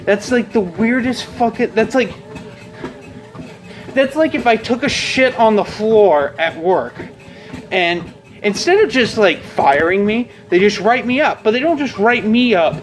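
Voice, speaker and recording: High-voiced man ranting casually. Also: lively intonation, a little slow. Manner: frustrated, profane venting. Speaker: vlogger. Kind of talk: casual rant vlog.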